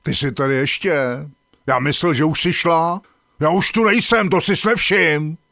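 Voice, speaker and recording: A man's voice: a little high, expressive, vocal fry, sharp tone, dry recording, studio quality, heavily acted. A man voicing a grumpy, quarrelsome male dung beetle in a cartoon who grumbles sarcastically. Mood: grumbling.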